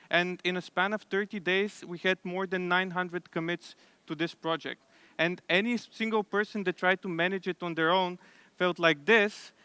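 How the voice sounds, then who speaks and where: Man, conference talk, bright, dry close sound. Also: high voice, clean tone, no echo. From Bulgaria. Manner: steady presenter, occasional self-corrections. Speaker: conference speaker. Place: conference stage.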